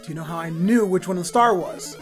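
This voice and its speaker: A man doing casual gameplay commentary with a friend, teasing and excitable, yelping loudly when things go wrong. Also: high voice, brisk, faint music behind. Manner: excitable, teasing, loud yelps at setbacks. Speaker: let's play host.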